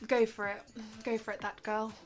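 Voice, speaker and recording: A woman's voice: a little high, flat delivery, normal speed, soft background music. A sleepy young woman, co-hosting a podcast in casual, rambling chat full of fillers. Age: young adult. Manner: chatty, rambling with many fillers. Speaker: podcast co-host.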